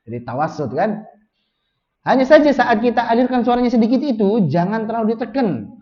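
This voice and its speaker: A man teaching Quran recitation, correcting pronunciation patiently and modeling each phrase slowly before explaining the rule. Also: fairly high pitch. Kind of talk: tajwid lesson with call-and-response drills. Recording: dull lo-fi sound.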